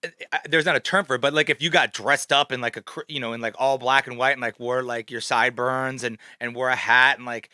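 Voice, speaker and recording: A man's voice: medium pitch, fairly even intonation, quick pace, sharp tone, clean tone, no echo, studio quality. A man co-hosting a casual podcast, thinking aloud and asking questions as he talks. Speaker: podcast co-host.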